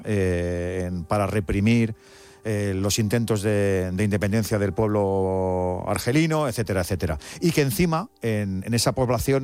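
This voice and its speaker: A man co-hosting a sports radio show, giving background to listeners in an explanatory manner. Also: lowish voice. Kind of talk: radio interview.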